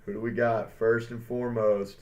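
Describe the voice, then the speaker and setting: A man's voice: medium pitch, flat delivery, normal speed. A man co-hosting a sports podcast in casual chat, rambling with lots of fillers and upbeat hype. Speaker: podcast co-host. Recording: dull lo-fi sound.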